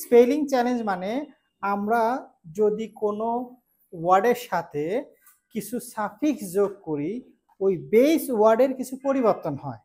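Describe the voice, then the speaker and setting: A woman from Bangladesh teaching an English spelling rule, explaining slowly, repeating key points and checking that students follow. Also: a little high, darkish tone. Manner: slow, repetitive explaining with check-in questions. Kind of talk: classroom spelling lesson.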